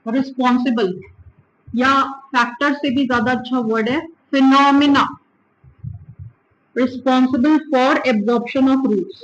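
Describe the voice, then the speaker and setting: Woman teacher, high voice, scolds and teases, explains by everyday examples in a class lecture. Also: highs cut off.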